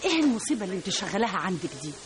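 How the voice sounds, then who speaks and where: An actress playing a brash, threatening Egyptian butcher-shop owner in a radio drama, talking in a coarse, bullying way. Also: female voice, mid-range voice, big pitch swings, very fast, lightly acted. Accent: Egyptian Arabic. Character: brash menacing woman butcher, rich and threatening. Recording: noisy old radio broadcast.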